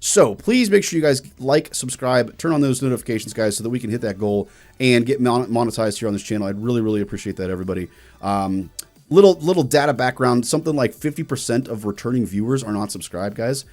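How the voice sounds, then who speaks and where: Lively guy co-hosting a gaming show. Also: mid-range voice, fast. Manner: animated, addresses viewers as guys. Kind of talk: casual chat.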